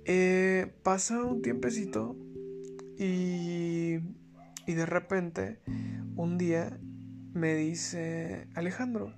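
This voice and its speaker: A man's voice: high-pitched, drawn-out words, pauses often. Young Mexican guy telling a candid story. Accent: Mexican Spanish. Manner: slangy, candid, swears, animated retelling. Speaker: storyteller host. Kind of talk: casual storytime. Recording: music playing underneath.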